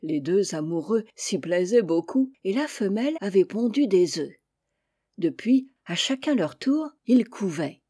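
A woman reading a children's story aloud with gentle, measured narration. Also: mid-range voice, lively intonation, slightly rough.

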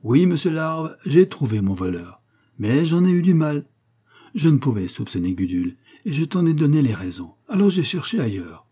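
A man's voice: a little high, very animated, normal speed, mellow, husky, pitched above the performer's own voice. A man doing a pompous old would-be detective. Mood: pompous boastful. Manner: pompous, boastful, lecturing. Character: pompous doddering elderly gentleman playing detective.

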